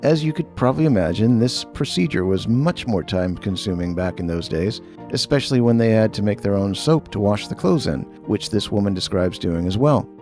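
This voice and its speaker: A man's voice: fairly low pitch, animated, brisk, a little mellow. A man reading scripted narration as a narrator introducing archive material. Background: faint music.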